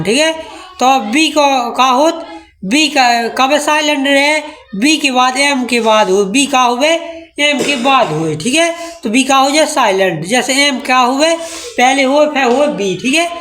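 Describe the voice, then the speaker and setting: Slow, high-voiced woman teaching English. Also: a bit bright. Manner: slow, repetitive teaching with frequent checks. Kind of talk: classroom lesson.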